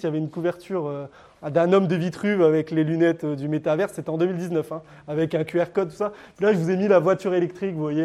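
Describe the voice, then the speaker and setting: High-voiced man giving a halting lecture. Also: warm tone. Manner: hesitant, frequent "euh" fillers and restarts; addresses the audience directly. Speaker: conference speaker. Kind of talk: public lecture with slides.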